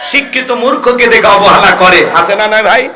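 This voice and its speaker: A man's voice: high voice, moderate pace. A man preaching a waz sermon at a night gathering, quizzing the crowd and quoting Arabic verses, heard through a public address system. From Bangladesh. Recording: echoey outdoor PA from far off.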